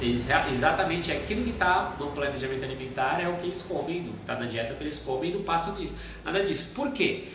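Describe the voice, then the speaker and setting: A man co-hosting a live stream, explaining step by step with everyday examples in a relaxed chat. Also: medium pitch. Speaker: nutrition live stream co-host. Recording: very echoey room, mic at a distance, background noise.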